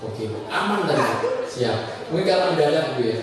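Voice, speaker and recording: A man coaching a public speaking workshop with lively, joking energy, drilling vowels with the audience. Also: medium pitch, fast. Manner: energetic, animated, jokey, drills vowels with the group. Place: large meeting hall with an audience. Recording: echoey hall, distant mic, crowd noise.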